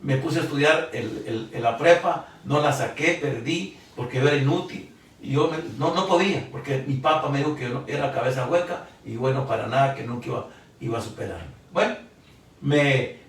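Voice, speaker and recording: A man in his sixties from Guatemala, gives an emotional sermon testimony, halting with repeated restarts. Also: mid-range voice. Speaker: preacher. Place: church hall. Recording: echoey church from far off.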